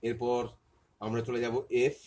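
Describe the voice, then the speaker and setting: A man's voice: medium pitch, monotone, measured pace, a little mellow. A man with a Bengali accent teaching a phonics lesson to young children, spelling words letter by letter and repeating them.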